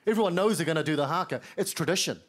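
A high-voiced male comedian from New Zealand does a stand-up set on a large TV studio stage, talking very fast with lively intonation. He's wry and self-mocking, acting out quoted lines in lower voices. He uses a handheld mic, and the studio audience's laughter and noise fill the background.

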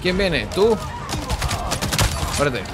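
A high-pitched man narrates his own gameplay in a loose, chatty way. He gets excited fast, yelling at enemies and grumbling at the game. Game music plays steadily behind him. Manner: excitable, shouts and curses at the game. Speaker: gaming channel host. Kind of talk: casual gameplay commentary. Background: game music and gunfire.

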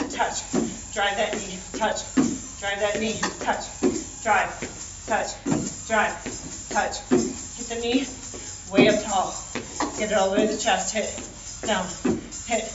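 A young woman working as an aerobics instructor, exercising as she calls out counts and short, repeated motivating commands. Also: medium pitch. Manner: exerting while talking, jumping and stepping. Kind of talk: workout class instruction with counted cues. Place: large mirrored indoor fitness studio. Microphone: far camera. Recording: echoey studio, distant dull mic, music playing. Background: workout music.

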